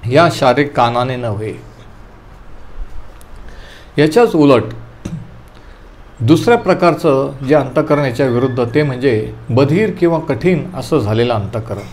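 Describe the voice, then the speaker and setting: A man leading a Bible study, teaching calmly and telling listeners to underline verses, with English terms mixed in. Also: medium pitch, slight background noise. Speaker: preacher.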